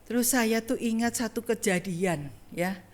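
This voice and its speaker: A woman's voice: fairly high pitch, a little slow. A middle-aged woman evangelist, telling a personal story in a sermon and talking straight to the congregation. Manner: conversational, addresses congregation directly. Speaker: evangelist preacher. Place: church online service.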